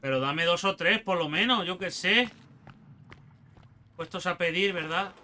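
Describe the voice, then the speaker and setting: A man's voice: high voice, measured pace, bright, forceful tone, a little hiss or hum. A man with a Spain Spanish accent giving crude, joking let's play commentary and taunting the enemies he fights. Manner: swearing, joking, talks to enemies. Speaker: gaming youtuber.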